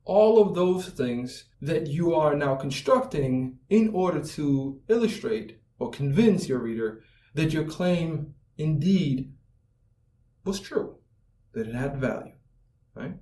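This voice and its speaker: A man's voice: fairly high pitch, expressive, takes it slowly, dark tone. A man teaching academic writing, explaining step by step over slides and often checking in with "right?". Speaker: writing instructor. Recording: roomy echo, mic at a distance, faint music.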